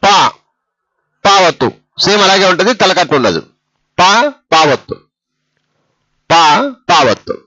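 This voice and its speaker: A man's voice: sits high, sing-song, unhurried, long pauses, sharp tone, dry recording, lo-fi sound. A man teaching a step-by-step lesson on writing letters, patient and repeating each letter. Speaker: Telugu script teacher.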